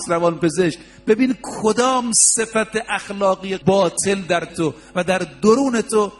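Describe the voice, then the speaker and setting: A man preaching a religious sermon, telling stories with quoted dialogue and rising emphasis. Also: high voice.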